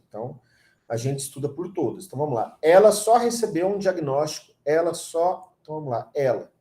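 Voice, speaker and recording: Lively Brazilian teacher in an echoey room. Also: male voice, fairly high pitch. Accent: Brazilian Portuguese. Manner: lively, talks straight to students, teasing asides. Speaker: Portuguese language teacher. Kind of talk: online class lecture. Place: online video class.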